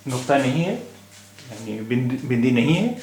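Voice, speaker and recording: Male teacher, slow and patient, spells out and repeats words, echoey room, even mid pitch. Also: a little hiss or hum. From India. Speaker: language teacher.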